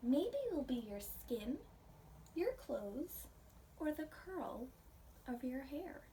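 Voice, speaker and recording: American female preschool teacher for story time, soft mellow tone, gentle and unhurried, recorded at a distance. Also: sits high, lively intonation. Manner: gentle, child-directed, asks the listeners questions. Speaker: pre-K teacher. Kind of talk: children's picture book read-aloud with simple explanations. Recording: distant mic, faint background noise.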